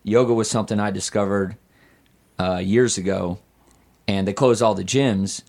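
A man's voice: fairly low pitch, fairly even intonation, normal speed, gravelly, a little mellow. A hungover man chatting candidly and casually as a podcast guest, a bit hesitant and rambling.

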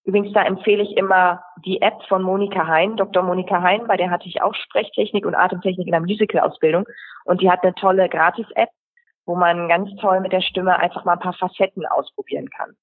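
Woman rhetoric coach, husky, explanatory, phone-thin sound, podcast interview. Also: lowish voice, fairly even intonation, quick pace. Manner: explanatory, lists examples in runs. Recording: tinny phone-like line.

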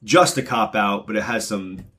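A man from North Jersey, a church elder, chatting casually and rambling, self-deprecating and quick to laugh. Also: fairly low pitch, sharp tone. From North Jersey, USA. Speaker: church elder, podcast co-host. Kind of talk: casual chat.

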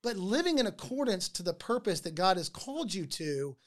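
This podcast host tells stories with animated energy and often stumbles through repeated words at the start of a sentence. The voice sits at a middle pitch and ranges widely as the story builds. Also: brisk.

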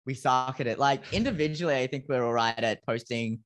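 A man's voice: medium pitch, a little fast, a bit bright. A young Australian man in a band, chatting casually in an interview and telling self-mocking stories. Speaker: band member.

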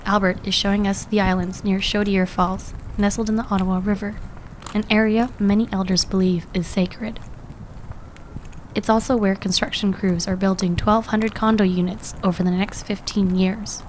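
A woman reporter speaks with a scratchy, cold-roughened voice. She explains things steadily in conversation. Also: mid-range voice, little pitch movement, moderate pace. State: hoarse from a cold.

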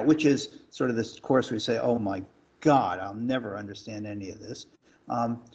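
A man calling in over a clipped, breaking-up phone line, asking a long, halting question with restarts. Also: mid-range voice, creaky, darkish tone. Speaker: call-in guest asking a question. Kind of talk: casual radio call-in.

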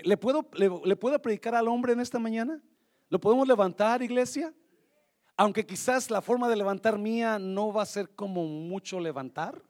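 A male pastor preaching to a church, lively and joking, dropping in English phrases. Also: sits high. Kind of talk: sermon.

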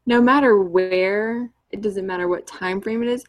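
A woman's voice: medium pitch, normal speed. A woman co-hosting a podcast, chatting casually and asking playful, offhand questions. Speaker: podcast co-host. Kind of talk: casual chat.

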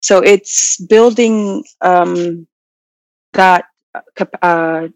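Drawn-out words and a slightly mellow, lower-range voice mark this woman from Arctic Canada's Nunavut. A business owner and Inuit language learner appearing as an interview guest, she reflects hesitantly and gropes for words, all over roomy, dull, lo-fi call audio.

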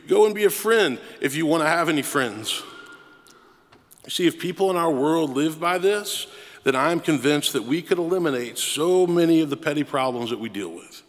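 Male pastor preaching, kinda high voice, repeats stuff for emphasis, big echoey church. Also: a bit bright. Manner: emphatic, repeats phrases for effect. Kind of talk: sermon.

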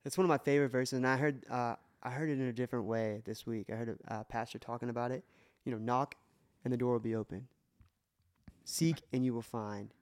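A man's voice: medium pitch, steady tone, brisk, a little mellow. Earnest man sharing faith on a podcast. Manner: earnest, emotional testimony with many restarts. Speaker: podcast co-host. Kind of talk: casual faith podcast talk.

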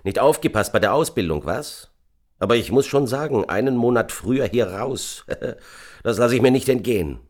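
A man's voice: medium pitch, expressive, normal speed, darkish tone, voice pushed up, lightly acted. A man voicing a cheerful, crude young soldier who talks gleefully in a raised voice. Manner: gleeful, grinning.

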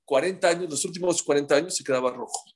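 A man's voice: a little high, quick pace. A man teaching a live Talmud class, telling the stories dramatically and firing rhetorical questions at his listeners.

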